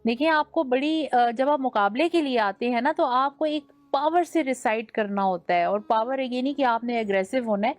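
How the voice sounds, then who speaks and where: A woman's voice: a little high, normal speed, few pauses, no echo. A young woman with a Pakistani Urdu accent, judging a naat competition and giving teacherly feedback that mixes in English words. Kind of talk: judge's critique.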